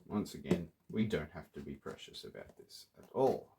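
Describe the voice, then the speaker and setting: An Australian prop maker, playful and talkative, addresses viewers as he puts together a theatre prop for a casual workshop tutorial. His voice sits low with lively intonation, vocal fry, and a normal speed, and background noise can be heard.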